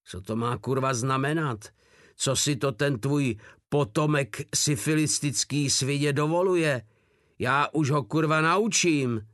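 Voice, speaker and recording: A man's voice: on the high side, no room sound, studio quality, pitched above the performer's own voice, lightly acted. Man voicing a brash, foul-mouthed brawler soldier. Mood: raging. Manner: swearing, brash shouting. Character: coarse brawny soldier, loud, foul-mouthed.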